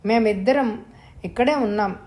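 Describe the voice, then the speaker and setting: A woman reading the part of a young wife who speaks calmly and in measured sentences. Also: medium pitch, lightly acted. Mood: composed. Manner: calm, measured. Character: young wife, cool and composed.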